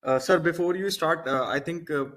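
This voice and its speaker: A man's voice: fairly high pitch, moderate pace, a bit bright. Man, event moderator, polite, hesitant, filler-heavy. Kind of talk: formal event hosting.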